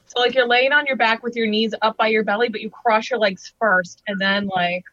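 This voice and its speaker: A woman's voice: fairly high pitch, steady tone, brisk, a bit bright, no echo, highs cut off. A young woman in a casual group chat, playful and chatty. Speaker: guest.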